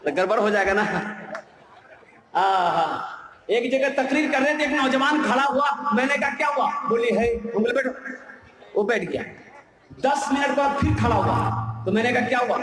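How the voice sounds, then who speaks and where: A man's voice: extremely high pitch, normal speed, pauses often, background noise. A man preaching, telling a humorous story in a sermon and acting out the voices of its people. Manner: animated, acts out voices, shouts at times.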